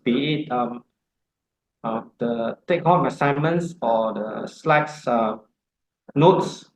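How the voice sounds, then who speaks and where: A man leading an online course orientation, talking haltingly with many ums and uhs. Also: mid-range voice, a little mellow, reverberant, poor audio. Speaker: course instructor.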